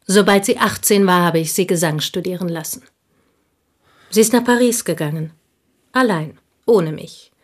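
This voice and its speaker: In a German radio drama, an actress plays a possessive, intense village schoolteacher who confides deliberately and often sinks toward a whisper. Her voice is on the low side and natural, with a confiding, restrained mood.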